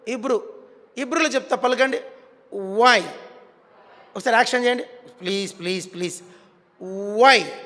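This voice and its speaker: A man's voice: very high voice, a bit bright. A male preacher with a Telugu accent, preaching a sermon and coaxing the congregation to repeat words after him. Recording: long hall reverb.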